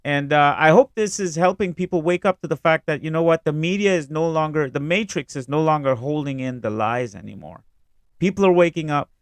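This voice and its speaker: A man hosting a reaction video, talking casually in a halting, rambling way. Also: a little high, no echo. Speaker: video creator and host. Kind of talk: reaction video commentary, casual vlog talk.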